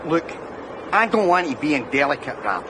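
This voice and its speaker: A crude cheeky Glaswegian pal. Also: male voice, on the high side, sing-song, normal speed, noisy background. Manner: leering, wisecracking, mock-consoling. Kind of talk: TV sitcom acting.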